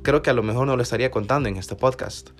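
A young man hosting a podcast, telling a story in casual chat and jumping into mocking high voices. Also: rapid-fire, faint music behind. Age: young adult. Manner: animated, jumps into mocking high voices and slang. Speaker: podcast host.

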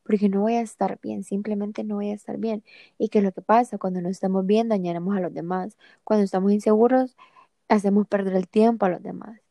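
A woman's voice: mid-range voice, fairly even intonation, fairly quick, gravelly, dark tone, no room sound. A young woman hosting a podcast, giving earnest, encouraging advice in a casual chat. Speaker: podcast host.

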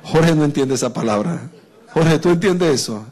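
A man with a Dominican accent preaching an informal sermon, chatty and animated, often restarting and speaking to listeners by name. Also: a little high, moderate pace. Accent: Dominican Spanish.

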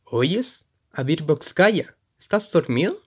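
A man voicing an impatient, ironic military officer who gives sharp orders, in a storybook reading. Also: on the high side, fast talker, voice pushed up, natural voice. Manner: sharp, mocking, demanding.

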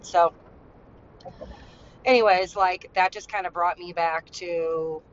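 A woman speaks in a loose, confessional monologue, circling back with constant fillers and blunt, salty language. The audio is dull and lo-fi. A soft vehicle rumble hums faintly behind her. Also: fairly even intonation, slow pace. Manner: rambling, heavy use of "like" and "you know"; blunt, swears freely. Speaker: podcast host. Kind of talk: candid personal monologue.

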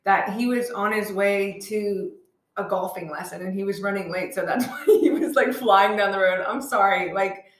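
A woman co-hosting a casual chat, reacting with quick quips and jokes. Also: medium pitch. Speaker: podcast co-host. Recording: echoey room.

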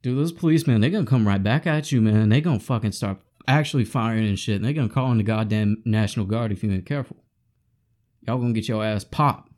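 A man's voice: fairly low pitch, quick pace, darkish tone. A frustrated man ranting with heavy profanity to his audience in a casual vlog. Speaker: vlogger. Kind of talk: profane angry rant.

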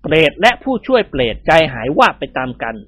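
A narrator reading a humorous novel aloud in a lively, expressive style, on a dull, dry recording. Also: a little fast, no room sound. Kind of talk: storybook reading.

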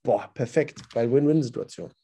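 A man's voice: medium pitch, normal speed, mellow, slightly rough. A man who works as a business coach, talking casually in a podcast chat in a blunt, emphatic and colloquial way.

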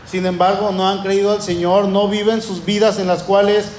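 High-voiced preacher in echoey hall. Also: male voice, little pitch movement, normal speed, darkish tone, slight background noise. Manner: impassioned, repetitive, building emphasis. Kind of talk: sermon.

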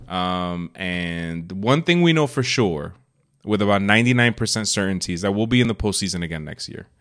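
Male podcast co-host, somewhat low voice, opinionated casual sports talk. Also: fairly bright tone. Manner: opinionated, blunt, swears freely.

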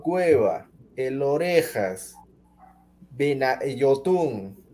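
A man's voice: medium pitch, lively intonation, extremely slow, dark tone. A man on a sports chat show, rattling off football lineups in casual talk.

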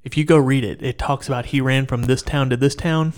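A man's voice: mid-range voice, fairly even intonation. Affirming mid-voiced male co-host. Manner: affirming, chatty, quick to agree. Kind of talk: casual conversation on scripture.

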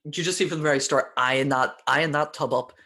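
Excitable man with a slightly high voice. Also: a little fast. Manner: excitable and animated, with stammered restarts and swearing. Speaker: podcast co-host. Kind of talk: casual TV episode review chat.

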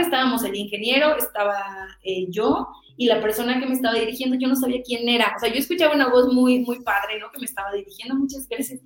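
A Mexican woman telling a lively story in an interview, acting out quoted dialogue in a chatty, animated way. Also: a little high, echoey room, rough recording. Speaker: guest voice actress.

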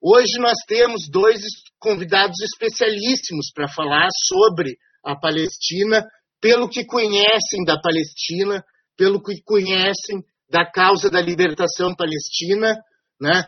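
Male host, husky and high, halting intro full of fillers, dry lo-fi call sound. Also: no room sound. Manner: frequent fillers and repeated words. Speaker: radio program host. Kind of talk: hesitant spoken introduction.

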